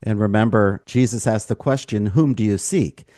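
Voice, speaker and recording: Dark-voiced man reading scripture. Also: lowish voice, normal speed, dry recording, studio quality. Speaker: podcast co-host, scripture reader. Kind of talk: Bible reading and discussion.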